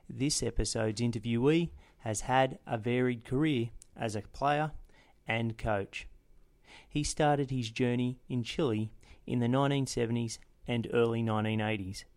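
A man's voice: medium pitch, darkish tone. A man hosting a local football history podcast, reading a formal intro and then interviewing a guest.

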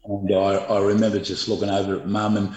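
A man's voice: fairly low pitch, completely flat delivery, fairly quick, a little mellow. A middle-aged Australian man, a former footballer, telling stories in an interview in a rambling, laid-back way with lots of fillers. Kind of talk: storytelling interview. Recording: echoey room.

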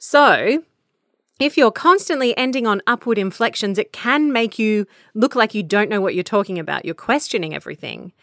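A woman's voice: mid-range voice, expressive, moderate pace, a bit bright, no echo, studio quality. An Australian woman hosting a podcast, giving earnest, practical advice on speaking in a conversational teaching style. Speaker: podcast host and voice coach.

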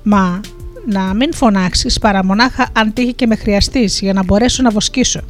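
A storyteller voicing a meek, helpful deer in a folktale, speaking softly and simply. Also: medium pitch, lightly acted. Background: faint music.

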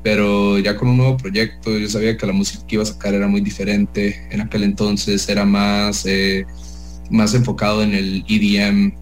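A man, a DJ guest in a casual radio interview, talking hesitantly with many pauses and restarts. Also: fairly low pitch, monotone, soft background music, rough recording. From El Salvador.

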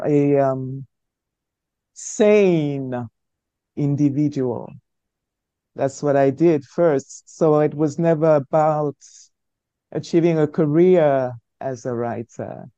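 Middle-aged woman, slow unhurried delivery, dry dull lo-fi remote audio. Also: low voice, dark tone, smooth, no echo. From Cameroon. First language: French. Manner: hesitant, searching for words, frequent stammered restarts. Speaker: author guest. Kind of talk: conversational interview answers.

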